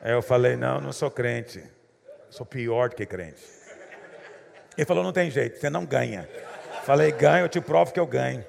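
A man's voice: mid-range voice, expressive, moderate pace, gravelly, long pauses. A man preaching as a pastor, telling funny stories in a chatty way and chuckling often. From Goiás, Brazil. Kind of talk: humorous preaching with anecdotes. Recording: long hall reverb.

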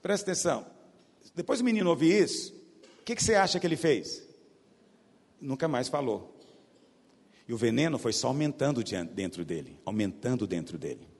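A man preaching a sermon with a Goiás Brazilian accent, his voice gravelly and a little husky. He swings between loud emphatic bursts and low hushed asides, with a pitch that leaps and falls. His voice carries a long reverb from a large hall. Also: very animated, moderate pace, pauses often. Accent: Goiás Brazilian Portuguese.

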